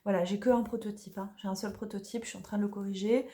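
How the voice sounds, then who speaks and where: A woman casually presenting her oracle deck, chatty and hesitant with many fillers, slightly hoarse from allergies. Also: medium pitch, fairly even intonation, fast, warm tone. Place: dim room in the evening.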